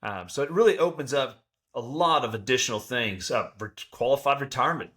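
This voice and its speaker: A man's voice: medium pitch, brisk, fairly bright tone. A man explains financial matters on a podcast in an easygoing, conversational way. He talks things through step by step and keeps checking in with the listener. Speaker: podcast co-host, accountant. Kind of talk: casual advice talk.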